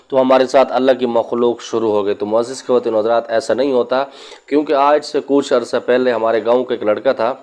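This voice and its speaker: In an indoor room, a man who works as a spiritual healer gives his viewers earnest, cautionary religious advice, drawing on stories from his own practice. His voice sits in the mid range with a darkish tone.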